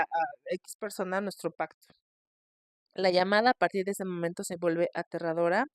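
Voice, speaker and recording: A woman's voice: fairly low pitch, dry recording, studio quality. Chatty woman telling a horror story. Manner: chatty, expressive, shrieks in mock fright. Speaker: podcast host. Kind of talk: casual storytelling.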